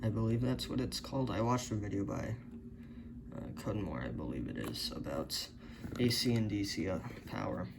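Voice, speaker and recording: With a fairly low voice, lively intonation and vocal fry, a man at a moderate pace thinks aloud over a circuit he's building as a hobby. He sounds unsure and hesitant, often correcting himself. Background noise is audible on the camera's built-in mic.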